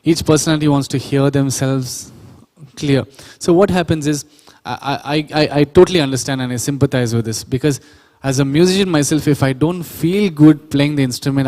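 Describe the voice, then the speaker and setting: A man's voice: mid-range voice, a little mellow. Man teaching sound in a reverberant hall. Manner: explanatory, self-correcting, asks the audience questions. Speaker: sound engineering instructor. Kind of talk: classroom workshop lecture. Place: church hall or auditorium.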